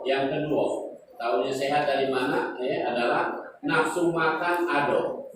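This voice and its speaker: A middle-aged man with a Palembang accent giving a joking seminar talk to parents and quizzing the audience. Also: mid-range voice. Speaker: guest speaker. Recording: very echoey hall, far from the mic, noisy.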